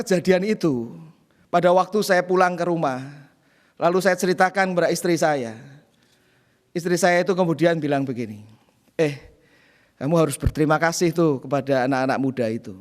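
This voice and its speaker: Middle-aged man, pastor, storytelling sermon, high voice, long church reverb. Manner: storytelling, often addressing listeners as brothers and sisters.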